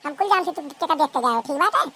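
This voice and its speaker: A woman's voice: high voice, expressive, very fast, bright, forceful tone. Woman voicing a quarrelsome Awadhi village girl. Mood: bickering. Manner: bickering, challenging questions. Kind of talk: cartoon comedy voice acting.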